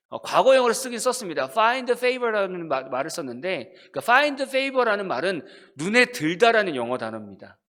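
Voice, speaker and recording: A male pastor delivers a youth sermon in a bright, fairly high voice. His pitch leaps up and down as he speaks, and he keeps asking his listeners questions. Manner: animated, asks the listeners questions.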